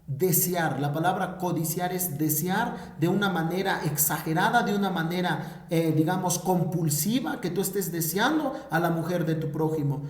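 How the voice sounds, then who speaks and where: A man's voice: sits high, normal speed, few pauses. A Mexican man teaching a Bible lesson in an earnest preaching manner, often repeating words as he searches for the next phrase. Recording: echoey room.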